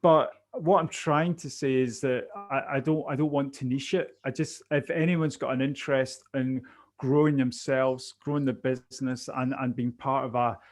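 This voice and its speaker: A man's voice: mid-range voice, fairly even intonation, normal speed. A man with a Glaswegian Scottish accent giving conversational interview answers as a business coach, often repeating words as he thinks aloud.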